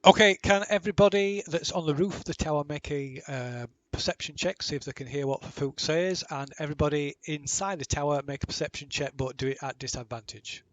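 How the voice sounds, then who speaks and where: A man's voice: fairly high pitch, fairly quick, hardly any pauses, a bit bright, no echo. A man running a tabletop game as game master, talking in a hesitant way with many restarts.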